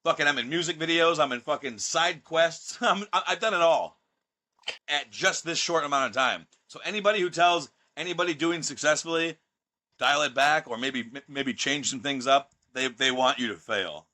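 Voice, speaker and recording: Brash, boastful man in his thirties, swears freely, voice sits a bit high and bright. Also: moderate pace. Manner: brash, profane and boastful, with mocking put-on voices. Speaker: guest, pro wrestler. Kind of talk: casual podcast chat.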